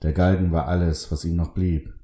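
A man hosting his own show and reading a short story aloud in a calm, measured way. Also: low voice, roomy sound. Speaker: host and reader.

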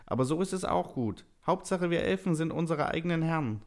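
Man voicing a scheming male elf, high voice, sneering, gloating. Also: expressive, a little fast, a little mellow.

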